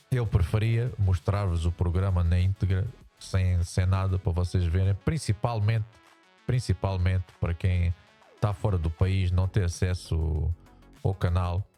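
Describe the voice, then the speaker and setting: A man's voice: vocal fry, warm tone. A man with a European Portuguese accent, his voice run through a voice changer, talking casually to viewers in a rambling way with many restarts. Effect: voice changer, pitched down. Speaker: YouTuber reacting to a sports show.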